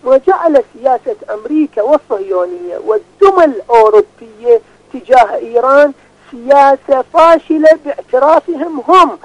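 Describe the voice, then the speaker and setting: A man phones in to the program, his voice coming down a phone line. He speaks in a very high register and delivers a formal, prepared-sounding statement. The sound is dry, with no room around it. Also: animated, normal speed, no echo. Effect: heard over a phone line. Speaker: phone-in caller.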